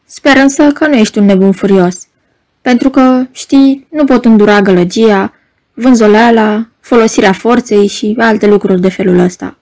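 A woman reading an audiobook, voicing a nervous, gentle male hospital patient who hates noise and pleads fussily. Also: high-pitched. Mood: anxious. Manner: pleading, fussy, easily alarmed. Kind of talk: audiobook character voice.

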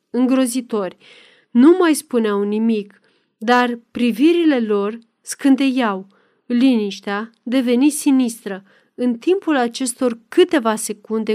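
A woman reads a dramatic novel aloud with steady, measured pacing. Her voice is a little higher than most women's. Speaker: narrator. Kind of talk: dramatic audiobook reading.

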